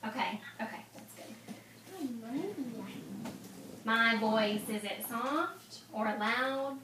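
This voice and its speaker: A woman audiologist with a slightly high voice talks calmly and reassuringly, checking in often with her patient. She sounds echoey and distant in a clinic exam room, with steady background noise. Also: slow pace. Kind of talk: clinical instructions.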